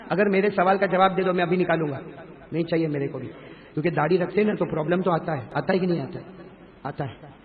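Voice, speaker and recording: A middle-aged man with a high voice preaches a sermon to a large gathering. He is animated and keeps calling on the crowd to answer aloud. The sound is dull and lo-fi, with long reverb from a hall.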